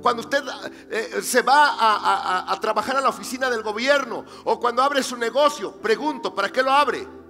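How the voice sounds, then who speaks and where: Male pastor, sermon, very high ringing voice, unhurried, rhetorical questions, reverberant hall. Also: vocal fry. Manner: asks the congregation rhetorical questions and answers them himself; rises to emphatic, near-shouted declarations. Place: church sanctuary. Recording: reverberant church hall with faint music.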